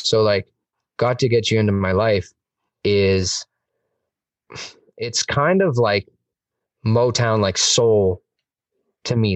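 A podcast host chats casually on a music podcast, enthusiastic and rambling, with lots of fillers. His voice is fairly low, recorded dry from a distant mic.

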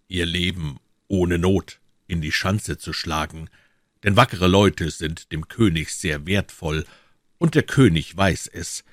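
A man voicing a stern, commanding captain of the guard in an audiobook, gruff in manner. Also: sits low, no echo, clean studio sound.

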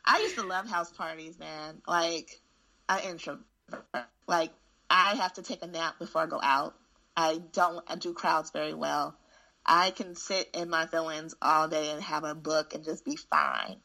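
A woman's voice: low-pitched, normal speed, gravelly, low-quality recording. A woman who works in school administration, candidly telling stories in casual conversation. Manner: candid, frank, animated storyteller with frequent restarts.

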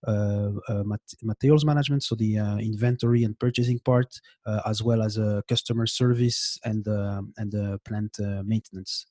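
Guest expert, thirties, from Belgium, halting delivery, dry close mic. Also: male voice, lowish voice, fairly even intonation, a little mellow, no room sound. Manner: hesitant, many fillers and restarts. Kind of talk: interview answers.

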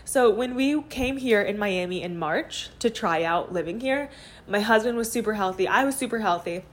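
A woman hosting a podcast, recorded as a phone voice memo while walking around her apartment, talking in a candid, rambling, out-loud journaling way with lots of fillers. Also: medium pitch, animated, moderate pace. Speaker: podcast host.

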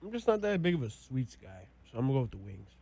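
A man's voice: mid-range voice, big pitch swings, fast talker, dark tone, breathy edge. A young man tasting food on a casual show, giving short clipped verdicts. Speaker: guest taster. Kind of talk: casual food taste-test chat.

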